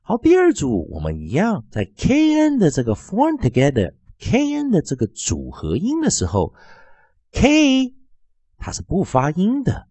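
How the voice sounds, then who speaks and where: A man teaching English phonics in a classroom style, repeating sounds and words slowly. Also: breathy edge, dry recording. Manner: slow, drawn-out repetition of sounds and words; very lively, sing-song pitch.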